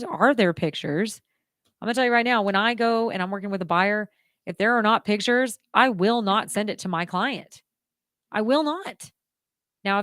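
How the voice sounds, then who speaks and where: A woman's voice: mid-range voice, a bit bright, clear, resonant tone, no room sound, clean studio sound. A woman hosting a radio show on her own, giving real estate advice in a chatty, emphatic way that speaks straight to listeners.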